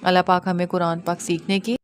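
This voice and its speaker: A woman gives an online Quran recitation lesson, explaining patiently step by step, often checking that listeners follow, and drawing out nasal sounds slowly as examples. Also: on the low side, level tone, no echo, clean studio sound. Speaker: Quran tajweed teacher.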